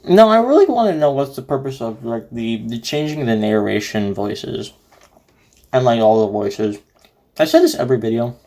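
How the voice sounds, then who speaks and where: A woman's voice: a bass voice, expressive, moderate pace, mellow. A woman giving casual reaction commentary, rambling and self-mocking with running jokes. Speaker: reaction video host.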